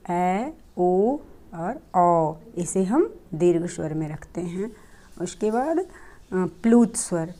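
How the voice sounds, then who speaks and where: A woman's voice: medium pitch, warm tone. A woman teacher explaining a grammar lesson patiently, with many fillers and questions to the class.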